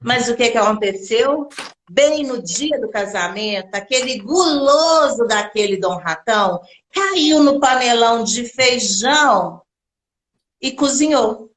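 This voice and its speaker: A woman teacher and storyteller telling a children's folktale live, animated and talking straight to her audience. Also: fairly high pitch, slow pace. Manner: animated, addresses the audience directly. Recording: echoey room.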